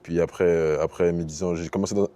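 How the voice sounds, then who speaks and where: This young adult basketball guest from Paris speaks fast in a low, dark voice with fairly even intonation. He answers the interviewer's questions casually, slipping into English basketball vocabulary.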